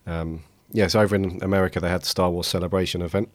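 A man hosting a casual podcast, his voice croaky and raspy from a head cold, a touch of man flu. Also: deep voice, steady tone, fast talker, no echo. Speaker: podcast host.

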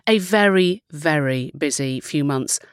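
A woman from the English Midlands hosting a podcast, expressive and teasing, moving between polished introductions and playful interview chat. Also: deep voice, a little slow, clean tone, dry recording, clean studio sound. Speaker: podcast host.

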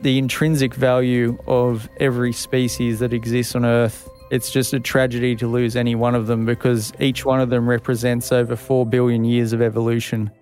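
Mid-pitched man explaining in an interview. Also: little pitch movement, normal speed, hardly any pauses, darkish tone. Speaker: conservation scientist interviewee. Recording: faint music behind the voice.

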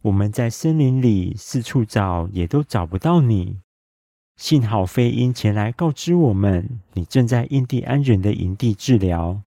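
A caring wooden puppet boy, as a man reads him, heartfelt, low and warm voice, bedtime storybook. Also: expressive, measured pace, vocal fry, no echo, clean studio sound, full character voice. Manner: relieved and heartfelt.

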